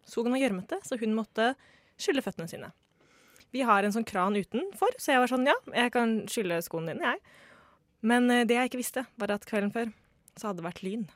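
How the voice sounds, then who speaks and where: A woman's voice: mid-range voice, no echo. A young woman from Norway telling a funny personal story in casual chat, acting out the people she quotes.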